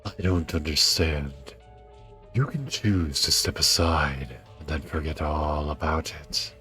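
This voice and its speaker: A man voicing an ancient, solemn male wolf lord who speaks slowly and quietly in a low, grave tone. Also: full character voice. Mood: stern. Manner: slow, low, grave and hushed. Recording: faint music behind.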